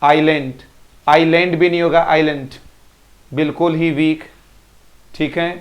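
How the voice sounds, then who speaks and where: Even-toned man drilling pronunciation. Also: on the high side, unhurried. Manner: drills pronunciation by repeating words; praises students by name. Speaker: English teacher. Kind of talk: live online class.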